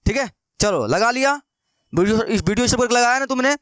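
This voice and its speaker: A man's voice: very high-pitched, animated, fast talker, a bit bright, dry recording, studio quality. A young man teaching a maths lesson in with a lilt, coaxing and repeating questions to his students. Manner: coaxing, repetitive, keeps asking students questions.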